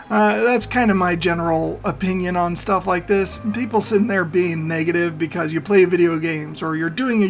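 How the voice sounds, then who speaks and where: A gravelly, high-pitched man hosts a meme reaction channel, offering casual commentary. He's laid-back and opinionated, rambling as he goes and laughing a lot.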